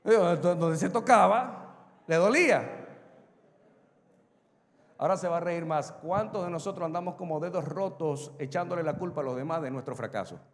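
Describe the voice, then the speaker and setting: A man preaching a sermon as pastor, swinging between loud emphatic lines and quiet asides. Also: on the high side, moderate pace, pauses often. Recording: long hall reverb.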